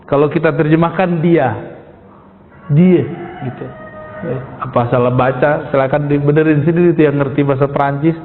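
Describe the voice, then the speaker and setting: A man's voice: a little high, fairly even intonation, normal speed, a little hiss or hum. A male preacher giving an informal sermon, putting rhetorical questions to his listeners and calling them "Pak". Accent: Indonesian. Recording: echoey hall, tinny phone-like sound.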